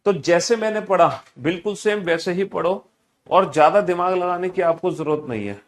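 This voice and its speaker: Over background noise, a high-pitched man speaks at normal speed while teaching a class. He repeats each instruction and drills his students, coaxing them with affectionate teasing.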